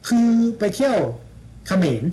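A man's voice: measured pace, mellow, poor audio. A man in casual chat, blunt and slangy, with mocking asides.

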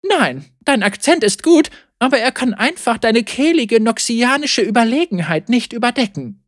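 A stern, cool-headed sheriff woman, read aloud by a female narrator speaks in a calm, mocking, coldly threatening way. Her pitch swings freely as she speaks. It is a storybook reading recorded close and dry. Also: normal speed, dry recording. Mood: accusing.

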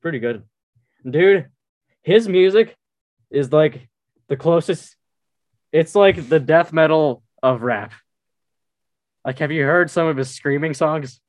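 A man's voice: fairly high pitch, takes it slowly, pauses often, no echo. A young man in casual chat, laid-back and joking, saying "dude" often.

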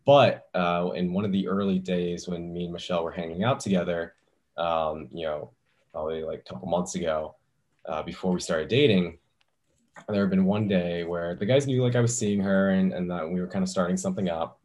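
A man's voice: deep voice, steady tone, fairly quick, darkish tone. A young man hosting a podcast, talking in an easygoing way with lots of fillers and restarts. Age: young adult. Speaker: podcast host. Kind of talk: casual chat.

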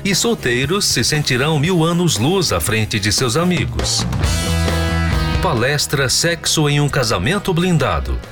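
A man reading a scripted promo voice-over in a smooth, persuasive announcer style. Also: mid-range voice, big pitch swings, measured pace. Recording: voice-over with music bed.

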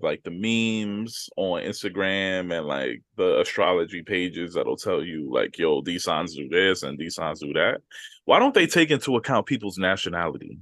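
A man's voice: sits low, a bit bright, no room sound, clean studio sound. A man co-hosting a podcast in casual, teasing, slangy banter. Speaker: podcast co-host.

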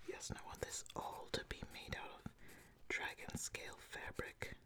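A woman's voice: moderate pace, lightly acted. A woman in a whispered role-play as a fantasy tailor, musing hesitantly as she talks a client through a garment design. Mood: musing, reassuring.

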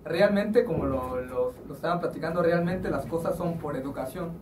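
A man's voice: on the high side, normal speed, noisy background. Slangy Mexican man in an echoey room. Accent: Mexican Spanish. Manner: slangy, rambling, storytelling. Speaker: guest. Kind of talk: casual podcast chat. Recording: echoey room, mic at a distance.

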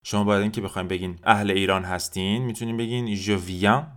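A male teacher, a Persian speaker, explaining a lesson casually and drilling slow, deliberate repetitions of French words. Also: lowish voice, flat delivery, a bit bright, clean tone. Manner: explains casually, quick asides.

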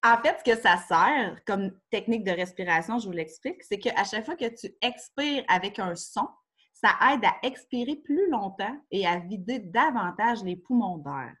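A woman's voice: mid-range voice, lively intonation, moderate pace, a bit bright. Québécois woman explaining children's yoga. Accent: Québécois French. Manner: explains step by step, casual fillers, spirited. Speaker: children's yoga educator in schools. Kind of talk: explanatory podcast chat. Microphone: studio microphone.

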